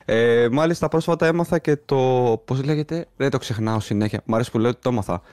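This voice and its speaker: A man's voice: medium pitch, darkish tone, no room sound, studio quality. A man with a mainland Greek accent hosting a podcast in casual chat. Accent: Greek, from Greece. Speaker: podcast host.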